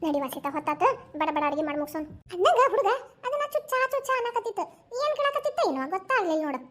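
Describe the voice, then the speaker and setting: A woman's voice: very high voice, very animated, fairly bright tone, exaggerated voice. A woman voicing a fussy, doting grandmother and mother-in-law in a cartoon, speaking with a North Karnataka Kannada accent, chiding and coaxing in turn. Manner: chiding yet coaxing, fast. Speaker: cartoon voice actor. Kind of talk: cartoon voice acting.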